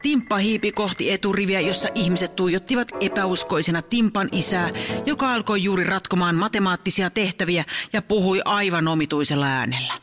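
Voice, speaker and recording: A woman narrating a children's audio story in a lively, brisk way. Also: medium pitch, over music.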